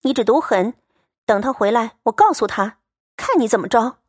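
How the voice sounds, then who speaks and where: A woman voicing a clever, sharp-tongued young maidservant who teases in a playful, raised voice. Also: fairly high pitch, lively intonation, normal speed, no room sound, clean studio sound. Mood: teasing. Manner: teasing, playful.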